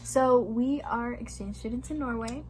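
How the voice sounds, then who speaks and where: A young American woman, an exchange student, chats casually, filling her speech with fillers and little laughs. Her voice is a little high with a darkish tone, at a normal speed. It is a noisy home recording.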